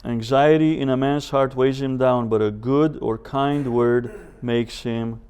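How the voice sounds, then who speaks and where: A man of medium pitch and steady tone, slightly mellow yet clear and resonant, teaches a Bible seminar as a professor. His delivery is measured, with deliberate pauses, scripture passages and rhetorical questions.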